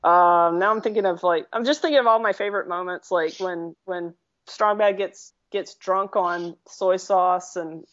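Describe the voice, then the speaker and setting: A woman chatting casually on a podcast, excitable, laughing often and swearing freely. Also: on the low side, normal speed, highs cut off. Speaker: podcast guest.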